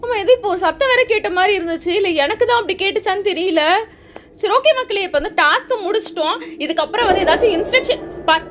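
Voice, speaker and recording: A woman hosting a gaming channel, giving excitable, jittery commentary on a horror game and talking straight to her viewers. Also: very high-pitched, fast, slight background noise.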